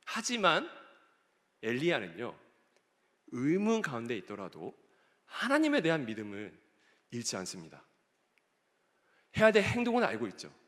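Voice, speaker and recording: A man's voice: high-pitched, bright, forceful tone. A male pastor preaching a sermon in a church, reading scripture aloud and putting questions to the congregation. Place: church sanctuary. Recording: echoey church hall.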